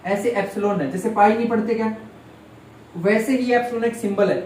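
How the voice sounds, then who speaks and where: A man's voice: high-pitched, a little fast, a little mellow. A man teaching a maths class, constantly quizzing students and repeating key terms for them to echo back. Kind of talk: classroom lesson with call-and-response questions. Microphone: distant room mic. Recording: echoey room, voice from far off, faint noise.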